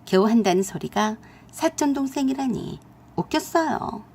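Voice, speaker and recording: Woman, husky voice, animated story narration, fairly high pitch. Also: moderate pace. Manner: chatty, expressive storytelling.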